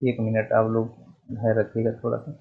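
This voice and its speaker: A man teaching an exam-prep grammar lesson, explaining each point deliberately and repeating the correct word. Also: fairly low pitch, completely flat delivery, gravelly, slightly rough, narrow, tinny audio. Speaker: Hindi teacher.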